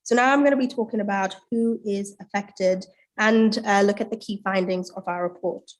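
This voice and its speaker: A woman's voice: medium pitch, fairly even intonation, normal speed, rough recording. A woman with a cold and a nasal voice, presenting research findings in a friendly way, with filler ums. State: has a cold. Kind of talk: presentation talk.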